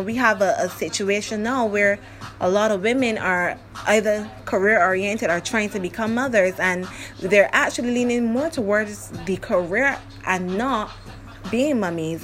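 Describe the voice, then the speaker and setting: A young woman from Barbados with a Barbadian accent, hosting a casual solo podcast in a chatty, upbeat way. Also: mid-range voice. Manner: chatty and upbeat, with laughs and asides. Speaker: podcast host.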